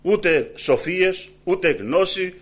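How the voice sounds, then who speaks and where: A man preaching a sermon in a fairly high voice. He builds his points through emphatic repeated phrases, fills pauses with short "eh" sounds, and drops low and soft to address the listeners as brothers. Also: expressive, breathy edge. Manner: preaching with rising, emphatic repetitions and frequent "eh" fillers.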